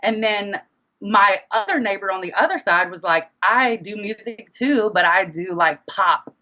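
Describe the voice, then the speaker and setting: A woman rapper and singer chats casually in an interview, her medium-pitched voice a little slow and the highs cut off. She's an animated storyteller, acting out bits of conversation and quoting them as dialogue.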